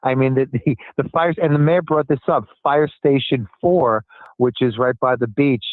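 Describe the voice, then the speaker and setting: An older man speaks over a cell phone line that sounds thin and tinny, with no room echo. His voice sits at a middle pitch. He talks earnestly and emphatically, circling back to the same points as he answers questions. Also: fairly even intonation, moderate pace. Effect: heard over a cell phone line. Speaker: city commissioner calling in as a guest.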